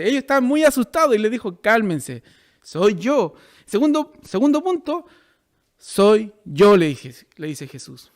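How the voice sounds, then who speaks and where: Chilean man preaching, high voice, lively pitch, asks the congregation questions. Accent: Chilean Spanish. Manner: animated preaching, direct questions to listeners. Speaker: pastor. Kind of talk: sermon.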